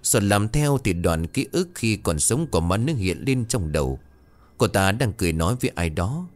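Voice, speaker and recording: A man narrating a ghost story in a dramatic, expressive way. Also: lowish voice, moderate pace.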